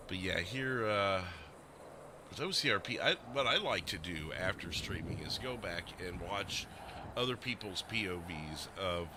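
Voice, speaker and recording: A man with a lowish voice, heard against background noise, hosts a livestream and chats loosely with viewers from a desk microphone. His talk wanders, he knocks himself often, and fillers are everywhere.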